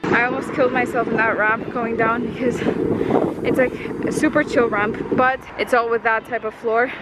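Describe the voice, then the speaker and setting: In a very noisy recording, a young adult woman with a fairly high voice vlogs about her days at a moderate pace and with flat delivery. She still keeps the chat casual, informal and self-deprecating.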